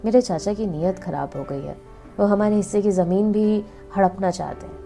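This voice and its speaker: A man's voice: high voice, moderate pace, gravelly, warm tone, soft background music. A woman voicing a friendly, teasing young male medical student chatting on a train in a storybook narration. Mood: somber.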